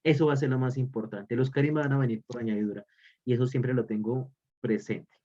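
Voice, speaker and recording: Man, mid-pitched teacher voice, repeats key points, muffled call audio. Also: fairly even intonation, brisk, mellow. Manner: repeats key phrases for emphasis. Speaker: religious formation teacher. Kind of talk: online class lecture. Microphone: video call.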